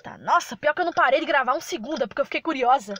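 A woman's voice: high voice, lively intonation, rapid-fire, fairly bright tone. A woman hosting a casual gameplay video, chatting and reacting aloud as she plays. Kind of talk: casual let's-play commentary.

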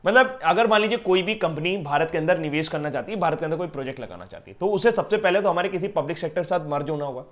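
A man's voice: fairly high pitch, lively intonation, fast, few pauses. A man teaching current affairs for government exams in a casual, chatty way, joking with and addressing his students directly. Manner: chatty, teasing, addresses students as yaar and beta. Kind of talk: casual Hindi lecture to students.

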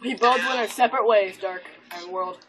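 A woman's voice: mid-range voice, a little fast, a crowd in the background, rough recording. A woman giving playful, giggly commentary over her own gameplay, teasing her friends as she plays. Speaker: gaming channel host. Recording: constant mouse and keyboard clicking.

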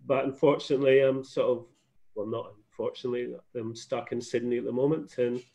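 Over a laptop webcam, a middle-aged Scotsman chats from his home office as a guest in a relaxed video call interview, wandering and restarting as he goes. His voice is mid-range and dark, flat in delivery and a little fast, and the audio is muffled.

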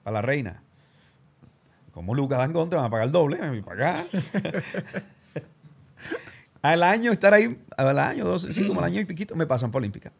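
A man's voice: fairly high pitch, fast talker, creaky, pauses often, slightly rough. A man hosting an interview, telling his own story casually, full of slang. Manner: animated, slangy, does voices of people he quotes. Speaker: show host and radio announcer.

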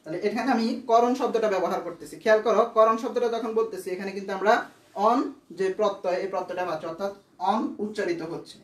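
A man's voice: high voice, racing, a bit bright, reverberant. A man teaching grammar, explaining step by step and answering his own questions. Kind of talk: classroom lesson.

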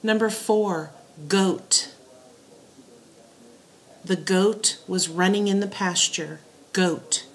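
A woman teacher dictating spelling words and sentences in a deliberate way, setting words apart and repeating them. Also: mid-range voice. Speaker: teacher giving a spelling test.

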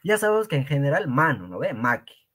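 A man from Peru, teaching an online Quechua lesson and drilling pronunciation through slow repetition and rhetorical questions. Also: fairly high pitch, very animated, a bit bright, breathy edge.

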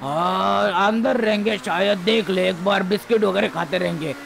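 Man playing a gravelly gruff criminal. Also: sits high, normal speed, a bit bright, a little hiss or hum, full character voice.

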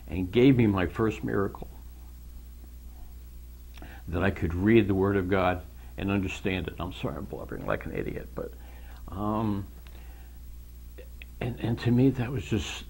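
A man's voice: lowish voice, vocal fry, husky. A man giving an emotional personal testimony of his faith, retelling conversations in an earnest storytelling way and sometimes dropping to a whisper. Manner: earnest, emotional, quotes others in dialogue; voice drops to soft whispers at moments.

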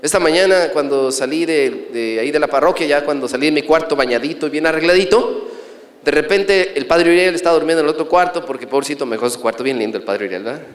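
A middle-aged priest preaching a sermon, telling stories and questioning the audience. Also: male voice, fairly high pitch, fast. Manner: storytelling, asks the audience questions. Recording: echoey hall from a distance.

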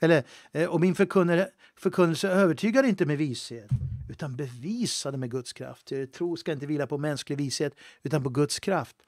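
A male pastor preaching a livestream sermon, swinging between loud fervent appeals and hushed, halting asides. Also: fairly high pitch, no echo, studio quality. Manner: halting, with restarts and fillers.

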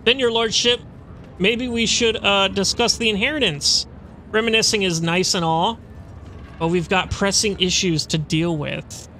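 A man's voice: high voice, steady tone, a little slow, pushed and bright, slight background noise, full character voice. A man voicing a nostalgic, cold-blooded old crew mate from a game, telling stories in a rambling way. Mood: businesslike. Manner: rambling storyteller.

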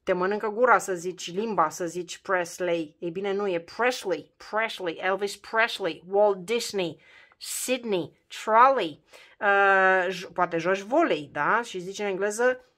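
A woman teaching an English lesson to Romanian learners. She talks conversationally, asks the listener questions, and slowly repeats words to drill their pronunciation. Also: medium pitch, fairly bright tone.

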